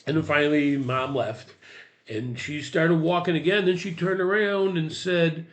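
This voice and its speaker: A man's voice: fairly high pitch, unhurried. Man in his sixties telling a story. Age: 60s. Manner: animated retelling, acts out quoted dialogue. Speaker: podcast guest. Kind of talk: casual storytelling.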